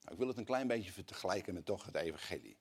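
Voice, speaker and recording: Dutch-speaking preacher, hushed to fervent. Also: male voice, deep voice, expressive, slightly rough. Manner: swings from hushed, slow passages to loud, rising appeals. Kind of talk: sermon.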